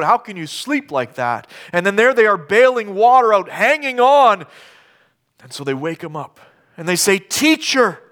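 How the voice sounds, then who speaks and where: Man preaching a dramatic sermon. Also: a little high. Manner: swings from hushed storytelling to loud impassioned outbursts. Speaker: pastor.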